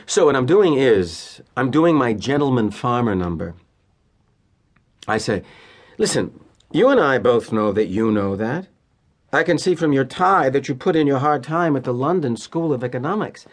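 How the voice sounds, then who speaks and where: This theatrical first-person monologue features an American-accented man voicing a slick, cynical middle-aged executive for an audio drama. He sounds smugly controlled, wry and deliberate, with emphatic pauses, and his medium-pitched, expressive delivery stays close to an everyday speaking voice.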